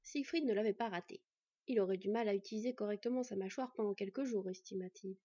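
A woman reading a fantasy story aloud in a steady storytelling manner. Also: medium pitch, quick pace, husky, dry recording. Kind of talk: scripted fantasy narration. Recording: dull lo-fi, dry.

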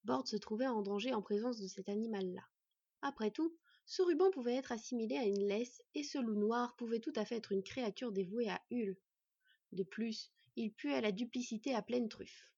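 A woman narrating a fantasy story in a measured storytelling way. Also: fairly high pitch, warm tone, husky, dry recording. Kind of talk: scripted narration. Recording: dry, slightly dull recording.

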